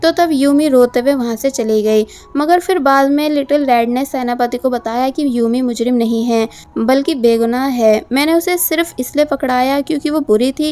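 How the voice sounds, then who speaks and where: A woman's voice: high voice, a little mellow. A young woman narrating a film recap in a chatty, flowing storyteller manner, stringing scenes together with casual connectors. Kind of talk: scripted movie recap narration.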